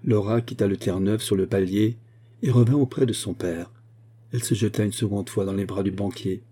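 Dark, husky male audiobook narrator. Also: fairly low pitch. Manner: steady, measured reading. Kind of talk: scripted narration of a classic novel.

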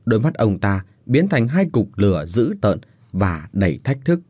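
A man narrating a dramatic story in an expressive audiobook reading style. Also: lowish voice, normal speed, dry recording.

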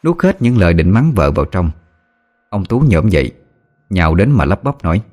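A man narrating a scripted horror story with dramatic, expressive storytelling. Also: sits low, moderate pace. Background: faint music.

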